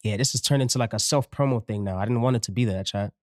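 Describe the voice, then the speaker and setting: A man's voice: fairly low pitch, fast, dry recording, clean studio sound. A man streaming a live chat with strangers, speaking casually with laid-back slang.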